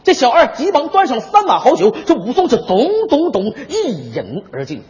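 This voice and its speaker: A man performing comic crosstalk, telling an old hero story with an animated storyteller's delivery and sputtering when flustered. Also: extremely high pitch, normal speed. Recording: dull sound with long hall reverb.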